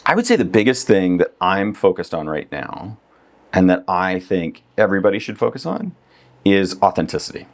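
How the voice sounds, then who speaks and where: A man's voice: deep voice, sing-song, normal speed. A middle-aged man, a real estate agent, talking casually as a podcast guest, with lots of fillers and frequent laughs. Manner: conversational, laughs often, many fillers.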